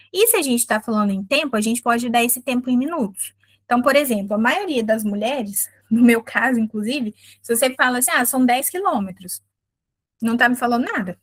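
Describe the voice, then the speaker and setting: A woman with a Brazilian Portuguese accent teaching an English lesson, patiently explaining and saying English example phrases slowly and clearly. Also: on the high side, dry recording.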